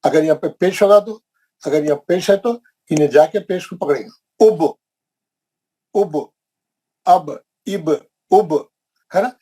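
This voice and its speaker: A man's voice: on the high side, mellow, husky, rough recording. A man teaching an online Quran recitation class, repeating points and quizzing his students. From India. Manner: repetitive, questioning, drilling the class.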